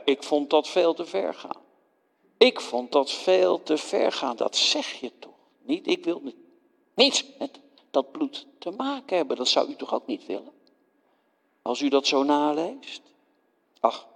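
A man's voice: medium pitch, creaky, big-room sound. A man preaching a dramatic first-person sermon as Pontius Pilate, a self-justifying Roman governor who stammers and pleads with his listeners.

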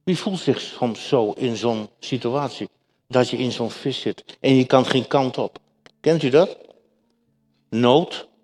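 A male preacher delivers his sermon slowly and deliberately, leaning hard on repeated words and turning straight to the congregation. His voice sits at an ordinary middle pitch. A long reverb trails each phrase through the hall. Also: a little mellow, faint music behind. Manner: emphatic, repetitive, addresses congregation directly.

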